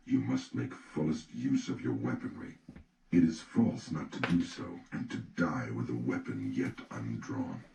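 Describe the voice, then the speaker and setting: Narrating an audiobook, this man speaks with measured, instructive warmth in a voice that is extremely deep and creaks with gravel. He's captured from a distance, and the audio carries echo and background noise.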